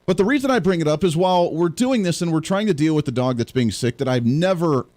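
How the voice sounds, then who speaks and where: A man's voice: on the high side, lively intonation, fast talker, a little mellow. A man hosting a political talk show, joking and rambling through sarcastic asides as he chats to his audience. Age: young adult or middle-aged parent. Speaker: host.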